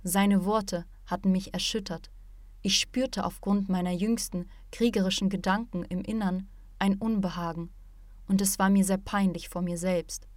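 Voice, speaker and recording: A woman's voice: medium pitch, moderate pace, no echo. Woman narrating an audiobook. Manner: even, reflective first-person narration. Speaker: audiobook reader.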